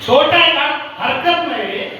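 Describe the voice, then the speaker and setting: Male preacher over a PA system, high voice, bright, booming echo, distant mic, repeats himself. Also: animated, normal speed, slight background noise. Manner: repeats phrases, rhetorical questions to the congregation. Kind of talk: sermon. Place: church hall. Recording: echoey hall PA sound from afar.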